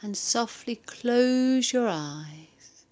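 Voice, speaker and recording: A woman guiding a yoga and relaxation session, giving soft, soothing instructions with long pauses between phrases. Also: on the high side, lively intonation. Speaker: yoga teacher.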